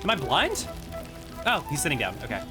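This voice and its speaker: A man streaming a game live, chatty and excitable, swearing and reacting out loud. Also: a little high, brisk. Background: game music.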